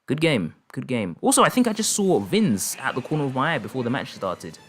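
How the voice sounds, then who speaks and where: A man's voice: a little fast, slight background noise. A man streaming online fighting matches, calling the plays and chatting with viewers, his voice jumping up when a big moment lands. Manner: excitable play-by-play, pitch jumping up on big moments, laughing often. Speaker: streamer and commentator. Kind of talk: live-stream game commentary and chat.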